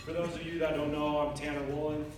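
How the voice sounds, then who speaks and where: A young man delivers a best man's wedding toast in a casual, halting, joking style. His voice rings around a big reverberant room and is caught from a distance, with plenty of background noise. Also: fairly high pitch, little pitch movement. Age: 20s. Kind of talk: wedding toast, informal speech. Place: large room at a wedding reception with guests. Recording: echoey noisy hall, picked up from far off.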